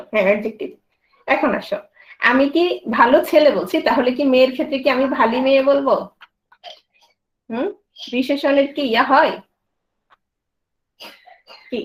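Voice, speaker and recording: High-voiced woman teaching grammar. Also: low-quality recording. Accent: Bangladeshi Bengali. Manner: quizzing students with questions, then answering. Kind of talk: grammar lesson.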